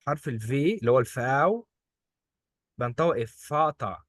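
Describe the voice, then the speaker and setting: With clean studio sound and no room ambience, a man with an Egyptian Arabic accent coaches a single student in German pronunciation. His mid-range voice is animated and moderately paced, and he patiently repeats every word as a drill.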